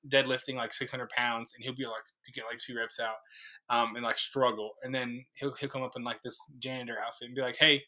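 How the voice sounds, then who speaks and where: His medium-pitched voice is flat, brisk and sharp-toned. A young podcast host recording with cohosts in a room, he chats casually and tells meandering stories packed with fillers, captured on a low-quality recording.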